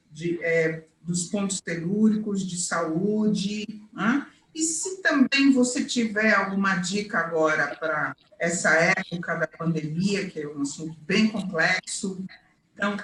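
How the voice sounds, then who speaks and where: A woman hosting an interview, chatting warmly and reminiscing with her guest. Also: mid-range voice, slight background noise. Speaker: interviewer, host. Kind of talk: friendly conversational interview. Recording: echoey call audio.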